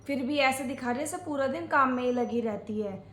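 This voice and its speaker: A woman's voice: sits high, brisk, a bit bright. Woman playing a bossy middle-aged mother-in-law. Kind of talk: family skit acting. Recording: echoey room.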